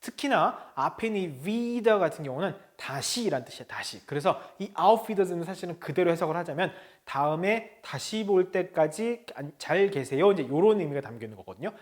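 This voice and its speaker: A man teaching a language lesson. He says each phrase slowly, then explains it, and often checks in with his learners. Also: high-pitched, animated.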